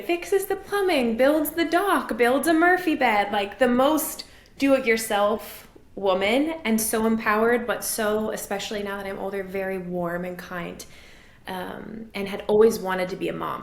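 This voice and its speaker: A woman's voice: mid-range voice, a little slow, gravelly, reverberant. A woman from Maine, a relationship and business coach, talking earnestly and reflectively as an interview guest. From Maine, USA. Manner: earnest, reflective, rises when enthusiastic. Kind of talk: casual interview talk.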